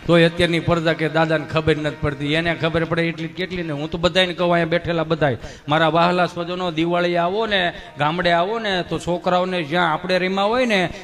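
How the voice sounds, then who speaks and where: A man telling comic folk stories on stage, putting on squeaky voices for other people. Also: a bit bright. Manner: acts out other voices in high squeaky tones. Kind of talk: Gujarati dayro stand-up storytelling to a live audience.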